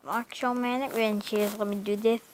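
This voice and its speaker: Soft-spoken woman narrating her gameplay. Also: a little high, little pitch movement, brisk, a little hiss or hum. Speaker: gamer. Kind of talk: casual game commentary.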